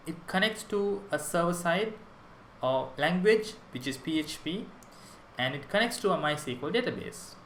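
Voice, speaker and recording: A man's voice: a little high, pushed and bright, echoey room, a little hiss or hum, low-quality recording. A young man from Sri Lanka giving a prerecorded conference talk on web development, enthusiastic and explanatory, with small restarts.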